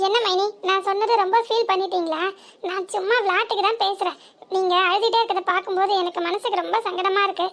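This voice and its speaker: Cartoon: a woman as a giggly, sharp-tongued young village woman with a southern Tamil Nadu accent and a very high voice. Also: fairly even intonation. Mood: coaxing. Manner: mocking, quick-witted, giggly. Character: teasing young village woman, playful joker. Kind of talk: village cartoon comedy dialogue.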